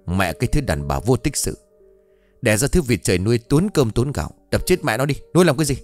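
A man voicing a cruel, foul-mouthed middle-aged rural father who yells coarse insults rapidly. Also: fairly low pitch, sing-song, faint music behind. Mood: scornful. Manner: coarse cursing and yelling, rapid.

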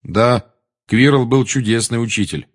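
A man's voice: medium pitch, a little slow, voice pushed up, natural voice. A man voicing an angry, defiant teenage boy who speaks sarcastically in an audiobook. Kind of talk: audiobook character voice.

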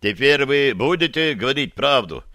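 A man voicing a stern, loud army sergeant who interrogates a private with slow, heavy commands in a dry, close recording. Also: medium pitch, lively intonation, dry recording. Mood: commanding. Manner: barking orders slowly and sternly.

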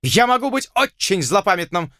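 A haughty English lord of the king's court squeals his outrage in a high, strained voice, put on by a male reader. The telling is dry and close, and his pitch swings wildly. He sounds pompous and easily offended. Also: big pitch swings, moderate pace, sharp tone, no room sound, heavily acted. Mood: indignant. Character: haughty, shrill English lord, envoy of the king.

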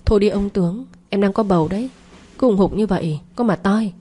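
A woman's voice: medium pitch, brisk, dark tone, slightly rough, lightly acted. A woman voicing a scheming, pregnant young mistress who is snappish and bossy on the phone in an audio story.

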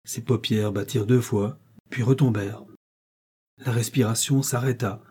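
A man narrating a novel as an audiobook, with a steady, expressive literary reading. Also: medium pitch, moderate pace, breathy edge.

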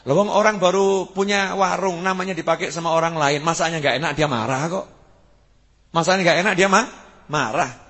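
Husky preacher in an echoing hall. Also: male voice, fairly high pitch, brisk. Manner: animated, rising to emphatic peaks, asks the audience questions. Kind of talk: sermon. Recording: husky voice with long hall reverb.

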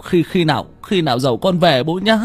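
A man voicing a grief-stricken, simple-minded young village man who wails high and loud and stammers. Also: animated, fairly quick, slightly rough, soft background music. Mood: stammering.

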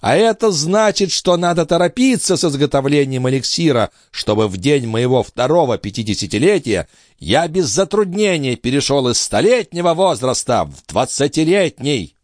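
A man voicing an ancient, frail male alchemist, wrathful and scornful, with a weak, quavering old voice and shrill shouting outbursts. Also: sing-song, moderate pace, dry recording, clean studio sound. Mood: weary. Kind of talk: audiobook character voice.

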